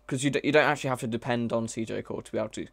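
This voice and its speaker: Man, gravelly voice, casual live-coding chatter, halting and self-correcting. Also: mid-range voice, steady tone, a bit bright, dry recording. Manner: thinks aloud, hesitant, self-correcting. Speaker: mod developer streaming live.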